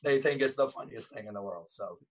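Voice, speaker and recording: A man's voice: on the low side, animated, a little fast, slight background noise, low-quality recording. A man in his forties whose first language is Thai, a guest talking casually in an interview, rambling with lots of ums and restarts. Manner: rambling with frequent ums and self-corrections.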